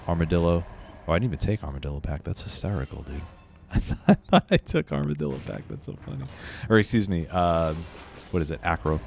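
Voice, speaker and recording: A man with a very deep, creaky voice streams a game, offering casual commentary that's laid-back, chatty and full of fillers. A cold leaves him slightly hoarse and sniffly. Faint game music plays in the background.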